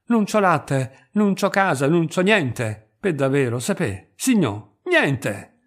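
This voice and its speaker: A man's voice: on the high side, sing-song, takes it slowly, exaggerated voice. A man voicing a humble, wheedling poor young mother with a Roman accent, coaxing and pleading. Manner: coaxing, pleading dialect speech.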